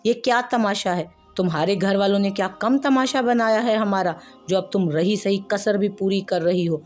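A woman's voice: mid-range voice, normal speed, darkish tone, soft background music, lightly acted. A woman voicing an angry young husband in a storybook reading, curt and commanding. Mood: bitter.

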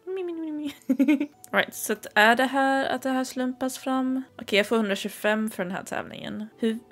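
A woman in her twenties from southern Sweden, chatting and giggling excitably while commenting on a game she plays. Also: on the high side. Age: 20s. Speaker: gaming streamer. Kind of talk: casual gameplay commentary.

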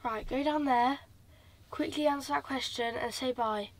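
A woman's voice: high voice, normal speed. A young woman talking casually and nervously in a night vlog, recorded in a small cabin. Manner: nervous, anxious. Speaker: vlog companion. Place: small cabin inside a converted bus.

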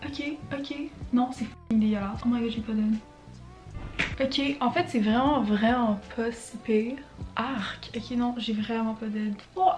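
A woman's voice: fairly high pitch, steady tone, measured pace, a little mellow. A young woman with a Quebec French accent chatting casually at home as she gets ready, dropping English slang and swear words. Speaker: beauty vlogger. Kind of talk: casual get-ready-with-me chat. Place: at home in front of a mirror. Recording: roomy echo, faint music.

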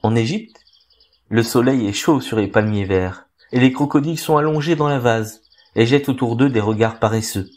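Un homme qui prête sa voix à un petit passereau au bon cœur, sur un ton suppliant et tendre, dans un conte lu à voix haute. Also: male voice, medium pitch, moderate pace, darkish tone, lightly acted. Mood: pleading. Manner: pleading, tender. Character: gentle, soft-hearted little male sparrow bird.

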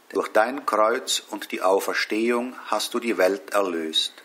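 A man leading a Stations of the Cross devotion, reading prayers and scripture in a slow, solemn way. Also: on the low side, fairly bright tone, slightly rough. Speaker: prayer leader.

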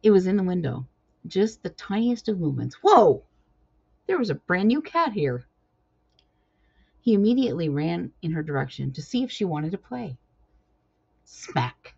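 A woman reading her own cat storybook aloud with expressive storytelling. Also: deep voice, creaky, breathy edge. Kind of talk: storybook narration. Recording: dull lo-fi recording.

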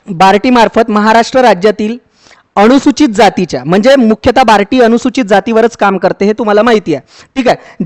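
Here a male education YouTuber with a high voice guides students step by step through a scheme's form. He speaks in a chatty way, says "ठीक आहे" again and again, and frequently stumbles into fillers and fresh starts.

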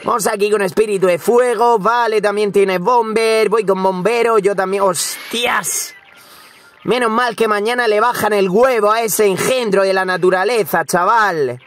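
Excitable young gaming commentator man. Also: high-pitched, normal speed, soft background music. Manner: excitable, frequent shouting and repeated words. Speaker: gaming streamer. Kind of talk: live gameplay commentary.

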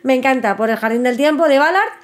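A young woman hosts a casual live stream in a slightly high voice. She talks excitedly and restarts her sentences often, repeating words as her thoughts race ahead. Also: fast. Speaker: host of a live book news stream.

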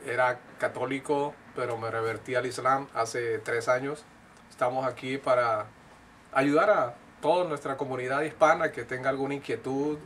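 A man's voice: mid-range voice, a bit bright, a little hiss or hum. A middle-aged man from Colombia talking earnestly to camera in a small studio, with frequent fillers and restarts. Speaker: speaker giving a personal talk. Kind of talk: casual direct-to-camera talk. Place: indoor studio with blue backdrop.

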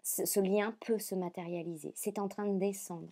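A French woman giving a spiritual card reading to the viewer, speaking softly and hesitantly, often repeating phrases with many fillers. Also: medium pitch, fairly even intonation, moderate pace. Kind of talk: channeled reading, addressing viewer.

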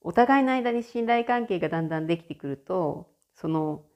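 Chatty woman with a lively, lowish voice. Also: a little fast. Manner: chatty, frequent laughter, animated shifts in tone. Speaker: podcast host. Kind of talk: casual solo audio chat.

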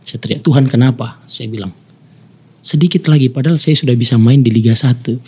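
A man from Samarinda in his thirties, a footballer guest telling his story earnestly in a casual interview, often dropping to a soft voice. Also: brisk, breathy edge. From Samarinda, East Kalimantan, Indonesia. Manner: earnest, often drops to a soft low voice when moved.

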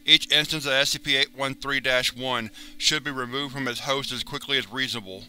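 A man narrates a wiki entry in a formal, clinical manner. His voice is very bright and crisp, with a smooth, clear tone. The delivery stays steady and even throughout. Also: mid-range voice, brisk. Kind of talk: scripted reading of a wiki entry.

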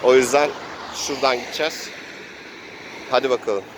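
Telling an improvised tabletop story with theatrical flair, this game master has a medium-pitched voice, a steady tone, and a moderate pace. The outdoor recording is noisy with traffic in the background.

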